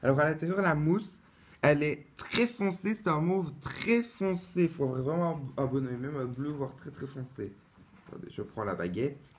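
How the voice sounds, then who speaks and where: A man's voice: on the high side, normal speed. A man talking casually to camera as he unboxes a replica wand, chatty and hesitant, with lots of fillers and restarts. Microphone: camera mic, close-up.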